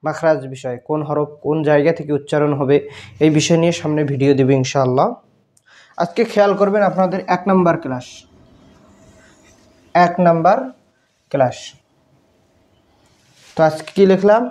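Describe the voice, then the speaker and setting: A man teaching Arabic letter pronunciation, slowly repeating each sound many times in a patient, instructive drill. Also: fairly high pitch, a little mellow. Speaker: Quran teacher. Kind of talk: slow repetitive letter drill.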